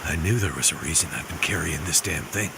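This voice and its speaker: An actor voicing a steady, protective adult man survivor in a video game, speaking in a calm, reassuring way. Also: very deep voice, a little fast, gravelly. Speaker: game character. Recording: game audio with loud wind ambience.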